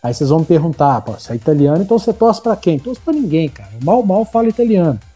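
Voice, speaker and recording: Very dark, mellow man chatting. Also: on the high side, very animated, very fast, husky, faint music behind. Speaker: sports journalist on podcast. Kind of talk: casual chat.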